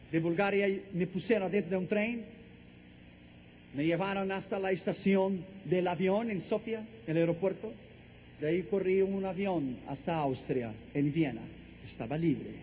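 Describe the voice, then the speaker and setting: A man preaching a testimony in an impassioned way, building up to shouted declarations. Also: high-pitched, measured pace, pauses often, slight background noise. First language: Portuguese. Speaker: evangelist. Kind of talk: testimony sermon.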